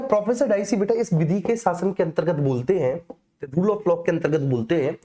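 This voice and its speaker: Her voice sits on the lower side and sounds mellow as this Indian-accented woman teacher explains material in an exam-coaching lecture. She addresses students in a familiar way, repeating important phrases for emphasis.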